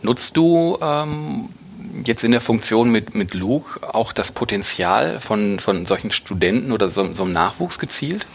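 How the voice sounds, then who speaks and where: A man's voice: lowish voice, expressive, a little slow, creaky. A man hosting an interview, conversational and chatty, often murmuring agreement. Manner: conversational, frequent affirming murmurs. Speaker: podcast host, interviewer. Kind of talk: casual interview talk.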